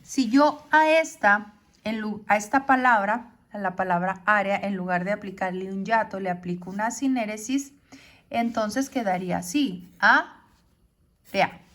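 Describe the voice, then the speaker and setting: Spanish-speaking teacher who keeps asking ¿sí?. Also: female voice, medium pitch, normal speed. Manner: explains step by step, often asks ¿sí? to check. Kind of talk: classroom lesson on poetry.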